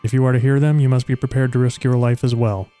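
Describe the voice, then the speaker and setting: A man's voice: medium pitch, little pitch movement, quick pace, dark tone, clear, resonant tone, soft background music, close to an everyday voice. A man reading the lines of a solemn, formal old woman sage from a video game in his own voice. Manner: reads game dialogue aloud in his own voice.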